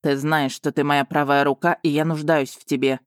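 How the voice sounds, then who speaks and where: A reader playing a brooding duke from an audiobook, cool and terse, steady mid-pitched voice with a slow deliberate pull to the lines, recorded bone dry. he sounds guarded rather than loud, a noble who weighs every word. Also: dry recording, natural voice. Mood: explaining. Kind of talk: audiobook character reading.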